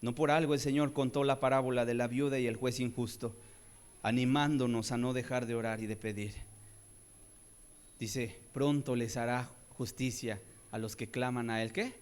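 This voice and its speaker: A man preaching a sermon, moving between soft, low pleading and loud, raised cries, and often asking his listeners rhetorical questions. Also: fairly even intonation, normal speed, clear, resonant tone. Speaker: pastor.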